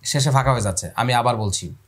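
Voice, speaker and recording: This Quran pronunciation lesson is led by a man with a mid-range voice who speaks fast. He calmly explains each step, draws out every letter sound in long calls, and poses his own questions before answering them for the viewer.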